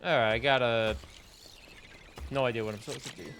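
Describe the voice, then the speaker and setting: A man's voice: mid-range voice, fairly quick, noisy background. A man in his twenties from New England, chatting casually with his live-stream chat while playing a game. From New England, United States. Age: 20s. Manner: animated, chatty, reads and answers chat.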